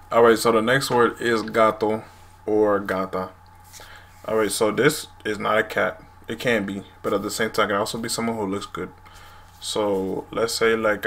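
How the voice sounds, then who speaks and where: In a small room at home, a twenty-something language video host talks through words casually for the camera. He has a fairly low, creaky voice with a fairly bright tone, and the room recording is noisy.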